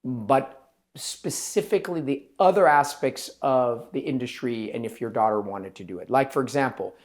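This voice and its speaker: Direct, animated male surgeon hosting a talk. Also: mid-range voice, moderate pace. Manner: direct, animated, acts out quotes in his talk. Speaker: plastic surgeon, podcast host. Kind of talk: conversational interview.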